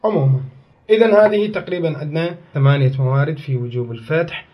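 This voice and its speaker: A man with an Iraqi Arabic accent teaching a grammar lesson, slowly repeating phrases so his students can write them down. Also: fairly high pitch, highs cut off.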